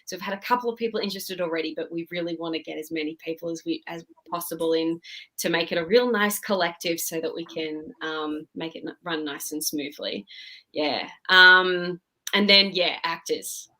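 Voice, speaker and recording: A woman with a slightly low but very bright, forward voice speaks as a director in a casual interview. She is animated and informal, working out her thoughts aloud as she talks. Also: normal speed. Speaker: director of theatre podcast productions. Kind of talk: casual interview talk about upcoming productions.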